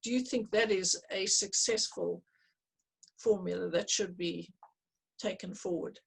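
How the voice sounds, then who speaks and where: A woman chairing a virtual panel discussion, asking measured questions with some hesitant restarts. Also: medium pitch, fairly even intonation, vocal fry, slightly rough, rough recording.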